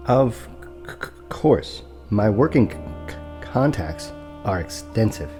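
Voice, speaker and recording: In an audio drama, an actor plays an unflappable, formal property broker who is polite and precise, calmly businesslike, and stutters on hard consonants. The male voice is on the low side, animated and slow, heard over music.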